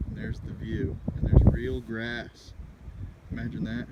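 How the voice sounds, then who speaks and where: A man casually narrating a hiking vlog outdoors, talking in strong wind high on a mountain. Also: big pitch swings, a little slow, creaky. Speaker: hiker filming a trail vlog. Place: outdoors on windy mountain trail and balds. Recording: muffled lo-fi camera audio, loud wind noise. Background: loud gusting wind.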